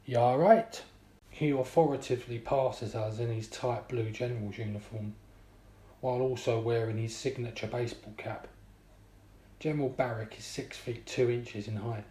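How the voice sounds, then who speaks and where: A man reading a first-person story aloud in a steady, descriptive way. His voice is mellow and dark, sitting in the middle of the male range. The recording carries a roomy echo. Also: mid-range voice, moderate pace. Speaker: narrator.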